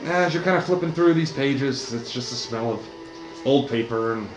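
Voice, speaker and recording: A man at mid pitch runs a tabletop game as dungeon master. He reads room descriptions and lays out the rules in a relaxed, plain way. The recording is roomy, with music playing behind him. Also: normal speed. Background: background music.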